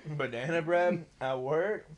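A man's voice: fairly high pitch, unhurried. A drunk young man co-hosting a podcast in casual chat, crude, joking and rambling. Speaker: podcast co-host.

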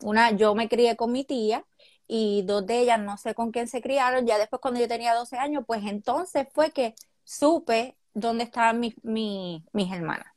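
A woman from Puerto Rico in her thirties with a Puerto Rican accent, a guest telling her life story in a casual interview, speaking softly and candidly with some hesitation. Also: fairly high pitch, normal speed, no echo, clean studio sound. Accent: Puerto Rican Spanish.

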